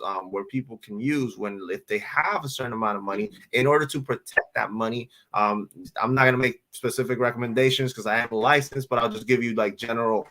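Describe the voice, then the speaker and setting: A man in his thirties from the Dominican Republic, talking casually as a guest financial advisor. His speech is relaxed and loose. He restarts and repeats words as he thinks and keeps checking in with "right?". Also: mid-range voice, low-quality recording. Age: 30s. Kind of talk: casual interview talk.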